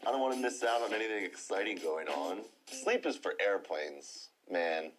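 Laid-back young deckhand, very deep voice. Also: male voice, expressive, normal speed. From Chesapeake Bay area, USA. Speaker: yacht deckhand. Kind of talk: reality show confessional. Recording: TV clip with music behind.

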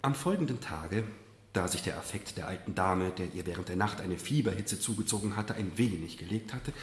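A man giving an expressive, measured narration at a live literary reading. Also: low voice. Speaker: reader. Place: literary event venue. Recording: roomy live reading hall.

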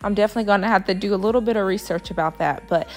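A woman's voice: medium pitch, rapid-fire, a little mellow. A young woman giving a casual voice-over for her home cleaning vlog, musing aloud with plenty of filler words. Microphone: voice-over, not recorded in the pictured kitchen.

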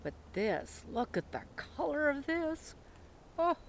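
A middle-aged woman chats casually as she walks through a garden, admiring what she sees and pausing on fillers. Her voice is picked up by a camera mic outdoors, with clear background noise. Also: high voice, very animated, poor audio. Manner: admiring, gentle, with many fillers. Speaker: garden tour guide. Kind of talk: casual walking tour chat. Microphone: camera held by companion.

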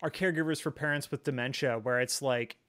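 A man's voice: medium pitch, fast talker, a bit bright. A man speaking as a podcast guest, telling a personal story candidly, rambling and earnest with many fillers like "like" and "you know.". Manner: rambling, filler-heavy, frequent 'like' and 'you know'; earnest and reflective. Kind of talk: candid conversational chat.

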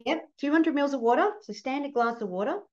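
Her voice high and her pace brisk, a middle-aged Australian fertility doctor is interviewed casually as a guest over video call from her home office. She explains things earnestly and warmly, laughing often, through a laptop webcam mic that sounds dull and lo-fi.

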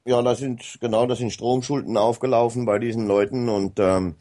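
A man's voice: mid-range voice, steady tone, normal speed, dark tone. A man talking casually as a guest on a radio show, rambling with many hesitations and fillers.

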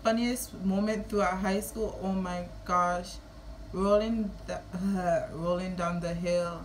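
A woman's voice: fairly low pitch, steady tone, takes it slowly, slight background noise, poor audio. A woman in her early twenties with a Kittitian-Nevisian Caribbean accent, chatting casually and playfully to camera. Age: early 20s. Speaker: vlogger. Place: small room at home.

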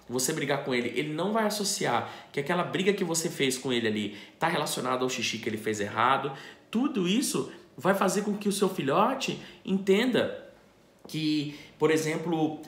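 A man's voice: a little high, fairly bright tone. A man, a dog trainer explaining puppy training to camera, asking and answering his own questions. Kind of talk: instructional talk to camera. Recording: echoey room.

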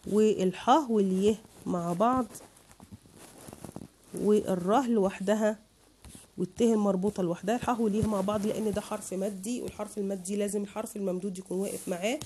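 An Egyptian woman teaches a lesson, patiently breaking words into syllables for her pupils. Her voice is mellow and warm. A faint hiss sits behind her. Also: mid-range voice. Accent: Egyptian Arabic. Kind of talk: online lesson.

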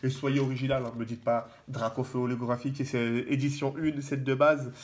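A man giving casual, excitable commentary as he opens trading card packs, full of fillers and repeated words. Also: medium pitch, a little fast.

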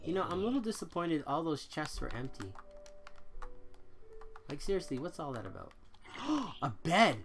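A woman's voice: deep voice, very animated, moderate pace, long pauses. A woman giving playful let's play commentary, taunting the game's enemies as she plays. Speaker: gamer. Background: game music.

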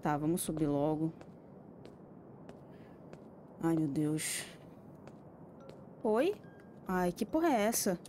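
A Brazilian woman streams a horror game, commenting casually to herself in a Brazilian Portuguese accent, swearing a lot and jumping at scares with exclamations. Her voice is deep, warm and measured, with big pitch swings, and there's a slight hiss or hum.

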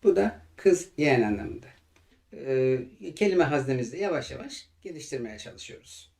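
A man teaching French vocabulary in Turkish, with a Turkish accent, who repeats each example phrase slowly and carefully. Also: medium pitch, big pitch swings, gravelly, a little mellow. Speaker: language teacher.

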